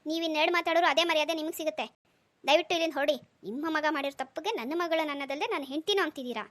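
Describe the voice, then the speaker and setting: A woman's voice: high voice, racing, a bit bright. A woman voicing a protective husband and father in a cartoon, scolding and soothing by turns. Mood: angry. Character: protective husband and father, stern yet tender. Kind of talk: cartoon dialogue.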